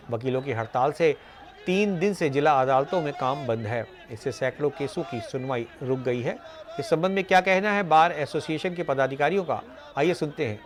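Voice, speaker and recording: Male news anchor, slightly high voice. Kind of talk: studio news reading and questioning.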